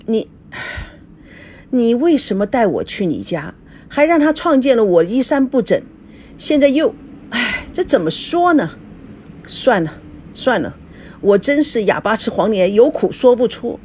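A woman's voice: a little high, sing-song, a little slow, a little mellow, a little hiss or hum, pitched above the performer's own voice. A woman voicing a flustered male company manager who talks in a placating, pleading way in a storybook reading.

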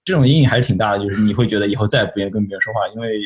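Man from Shanghai, low voice, quick and rambling, podcast guest who reflects at length. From Shanghai, China. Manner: reflective, explains at length with many fillers. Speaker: interview guest, AI researcher. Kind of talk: casual podcast interview.

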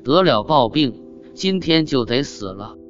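A man's voice: mid-range voice, very animated, unhurried. A man voicing a young female fox spirit in a told ghost story, speaking in a plain reading voice. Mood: grave. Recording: dull lo-fi audio with faint guitar.

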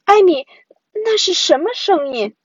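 A jumpy little boy, scared of every noise, as a woman puts him on. His voice climbs high and swings wildly as he frets. The recording is dull and lo-fi. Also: very animated, moderate pace, slightly rough, no echo, exaggerated voice. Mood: alarmed. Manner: scared, hushed and whining. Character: timid little boy, easily frightened.

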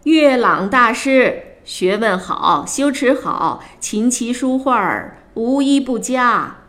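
A woman voicing a jovial, showy wealthy old gentleman who boasts to his guests in a radio reading of a novel. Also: on the high side, lively intonation, takes it slowly. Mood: hearty. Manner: boastful, hearty, hospitable.

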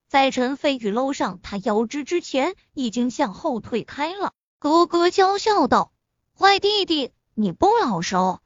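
A woman narrating a web novel audiobook in an expressive storytelling manner, on a dull lo-fi recording. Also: high-pitched, no room sound.

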